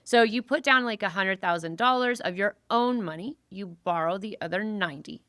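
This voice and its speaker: A woman's voice: mid-range voice, normal speed, a bit bright, no room sound, studio quality. A woman co-hosting a podcast in a chatty, joking way. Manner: chatty, jokey, quotes movie lines. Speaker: podcast co-host. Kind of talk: casual chat.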